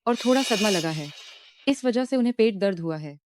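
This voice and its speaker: A calm, professional doctor, voiced by a woman in a dubbed drama. She speaks matter-of-factly in a mellow voice. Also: medium pitch, a little fast, no room sound, close to an everyday voice. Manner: matter-of-fact.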